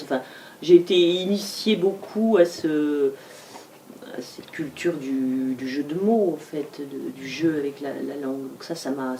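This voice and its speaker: Woman speaking haltingly, warm voice. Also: a bass voice. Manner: hesitant, frequent fillers and repetitions. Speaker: novelist guest at a bookshop talk. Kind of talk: public author talk. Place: bookshop event. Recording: distant mic, faint room noise.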